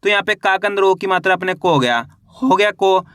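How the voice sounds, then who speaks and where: A man with a high, bright voice teaches a reading lesson, breaking each word into syllables and then blending them back together. He asks a question and answers it himself. The sound is dry and close, with no room around it. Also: expressive, brisk, clear, resonant tone, no echo. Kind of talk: teaching Hindi reading and spelling.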